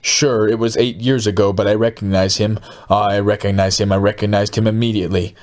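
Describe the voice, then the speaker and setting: A man reading the part of a scheming, gloating poor man who plots a crime in a storybook, excited and sinister. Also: on the low side, fairly quick, lightly acted. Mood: excited, insistent.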